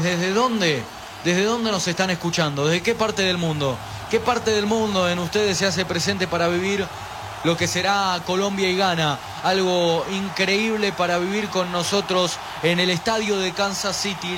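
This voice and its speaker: An Argentine man with a fairly high voice hosts a live pre-match football stream, animated and chatty as he reads out viewer messages. A steady hiss of noise sits under the whole recording. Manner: animated, reads viewer chat aloud, pushes for likes.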